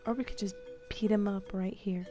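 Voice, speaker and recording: A woman's voice: mid-range voice, steady tone, normal speed. A woman streamer giving sassy, joking commentary while playing a story game. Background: game music.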